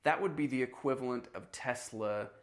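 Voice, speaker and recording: A man chats loosely about marketing on a casual podcast, his medium-pitched voice moving at a moderate pace. He's conversational and fills gaps constantly with "you know" and "like".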